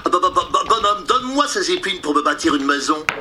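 A man's voice: high voice, animated, brisk, sharp tone, a little hiss or hum, pitched above the performer's own voice, exaggerated voice. A man voicing a clever, stubborn little pig in a storybook reading, raising his voice to sound small and cheeky. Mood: defiant cheeky.

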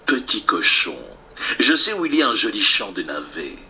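A man voicing a sly, scheming big bad wolf in a storybook reading, speaking lower and drawing out his words. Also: very animated, moderate pace, pushed and bright, slight background noise, exaggerated voice. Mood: sly coaxing.

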